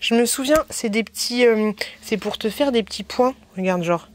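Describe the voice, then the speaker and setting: A woman chatting casually as she unboxes a beauty haul, gushing and excited over each little item. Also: on the high side, normal speed. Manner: gushing, excitable, squeals over small items.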